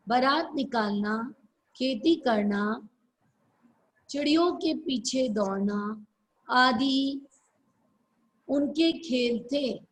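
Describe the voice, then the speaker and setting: A woman teacher dictating answers slowly in an online class over a video call, repeating each phrase for her students. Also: on the high side, low-quality recording. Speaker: school teacher.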